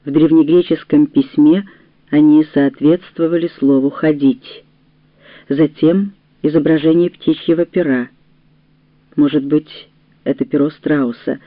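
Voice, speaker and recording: A woman reading an audiobook in a measured, deliberate narration. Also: deep voice, steady tone, dry recording. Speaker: audiobook reader. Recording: tinny phone-like, dry sound.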